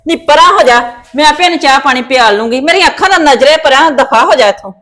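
A woman's voice: sits high, expressive, quick pace, a bit bright. A woman playing a stern old grandmother who fusses over her grandson and scolds her daughter in a family drama. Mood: scolding. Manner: scolding and fussing. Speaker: maternal grandmother. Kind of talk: Punjabi family drama acting.

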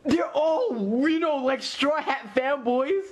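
A man with a notably high voice talks through an episode as it plays, in casual live reaction commentary. He is excitable and rambling, jumping from thought to thought with constant fillers. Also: slow pace. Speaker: anime reaction host. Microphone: wearing earphones while recording.

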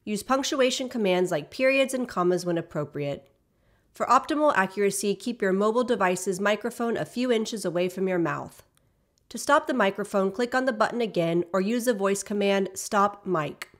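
Woman narrating a scripted software tutorial. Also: mid-range voice, fairly quick. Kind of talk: scripted narration, instructional app demo.

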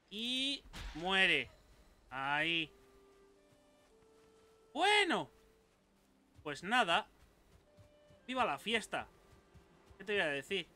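Man, young adult, gameplay commentary, high bright voice, unhurried. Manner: swears often, yelps and shouts when attacked. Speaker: gaming YouTuber.

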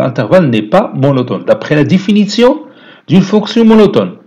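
Moroccan guy teaching math, husky voice, walks through the graph bit by bit. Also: a little high, dark tone, muffled recording. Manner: explains step by step, mixing French with Moroccan Arabic. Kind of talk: lecture.

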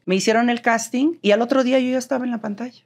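Speaking very fast in a fairly high voice, this woman is an interview guest from Mexico with a neutral accent. She recounts her story animatedly, performing the dialogue as she quotes it.

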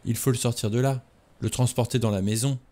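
A man reading a novel aloud, voicing a calm, determined young woman in a quiet tone. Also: medium pitch, a little fast, close to an everyday voice.

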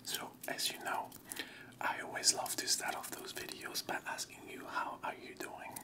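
A young man whispering close to a small earphone mic as the host of a fast, aggressive lo-fi ASMR video. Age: young adult. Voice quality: whispered, unvoiced. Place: small indoor room at home. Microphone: small earphone mic held close to the mouth.

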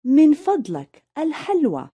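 High, lively woman. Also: measured pace. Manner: clear, careful, repeats each phrase after the man. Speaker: language lesson speaker. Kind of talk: scripted phrase repetition.

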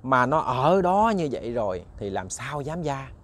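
A man's voice: medium pitch, very animated, moderate pace, a bit bright. Southern Vietnamese man telling a ghost story. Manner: chatty, repeats words while searching, addresses listeners directly. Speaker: ghost story narrator, channel host. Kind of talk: casual spoken ghost storytelling to listeners.

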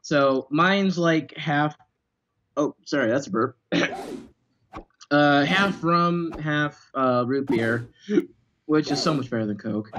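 A man chatting casually while gaming, excitable and swearing a lot, rambling through explanations. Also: a little high, slow pace, pauses often. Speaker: guest co-player.

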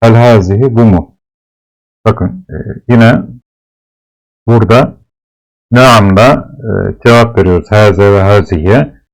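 Male language teacher, low-ish voice, unhurried, repetitive drilling delivery. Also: darkish tone, low-quality recording. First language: Turkish. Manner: patient, repeats each sound several times. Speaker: Arabic teacher. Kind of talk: slow classroom explanation of letters.

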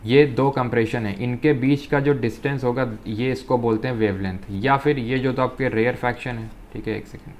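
A man teaching an exam-prep physics lesson. He reads textbook lines slowly, then explains in Hindi, often saying "ठीक है". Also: mid-range voice, fairly even intonation, darkish tone, slight background noise.

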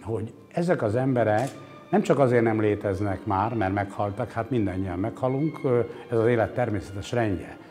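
Speaking reflectively in an interview, the man in his 60s who curates the exhibition philosophizes with pauses of hesitation and strongly stressed points. He has a lowish, mellow voice, captured by a lapel mic in an indoor gallery as background music plays.

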